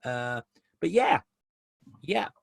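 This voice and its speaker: A man's voice: medium pitch, sing-song, extremely slow, vocal fry, dry recording. A man giving a conversational business webinar presentation over a video call, repeating key phrases for emphasis.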